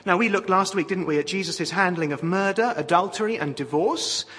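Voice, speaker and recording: A man preaching a sermon with lively, animated delivery and wry asides. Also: sits high, a little fast, breathy edge. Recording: long reverb of a hall.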